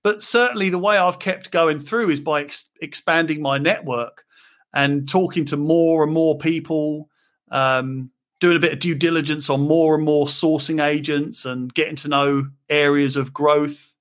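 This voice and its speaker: A man's voice: fairly high pitch, steady tone, a little slow, fairly bright tone. Chatty British property investor man. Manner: chatty, frequent fillers and restarts. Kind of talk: casual interview chat.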